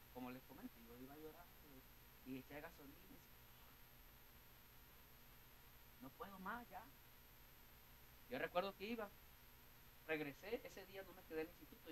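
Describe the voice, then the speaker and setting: High-voiced Mexican preacher, earnest. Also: male voice, a little hiss or hum, rough recording. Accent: Mexican Spanish. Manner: earnest, repeats words, keeps addressing listeners as brother. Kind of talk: sermon with personal testimony.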